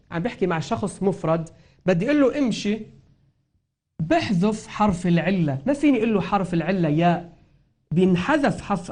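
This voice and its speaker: A man with a Lebanese accent teaching a recitation lesson, explaining patiently and repeating example words slowly. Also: high-pitched, darkish tone. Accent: Lebanese Arabic. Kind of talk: spoken grammar and tajweed lesson.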